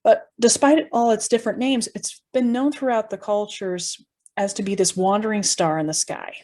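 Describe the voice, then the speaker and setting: A woman's voice: mid-range voice, fairly even intonation, moderate pace, a little mellow. A woman presenting an educational tour in a conversational, explanatory way, with informal asides and rhetorical questions.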